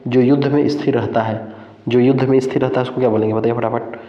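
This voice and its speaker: A man leads an exam-prep lesson, repeating each term over and over and putting questions to his listeners. His delivery stays flat and even. The sound is dull and lo-fi, with a long, roomy echo. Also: medium pitch, quick pace. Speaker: Hindi exam-prep teacher. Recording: echoey, dull lo-fi room sound.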